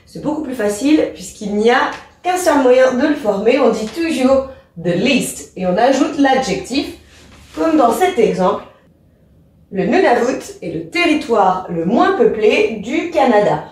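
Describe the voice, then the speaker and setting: Slow, patient French-accented woman teacher. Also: a little high, lively intonation, darkish tone. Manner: clear, patient step-by-step explaining. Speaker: English teacher. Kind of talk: explaining a grammar lesson. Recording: very echoey room, voice from a distance.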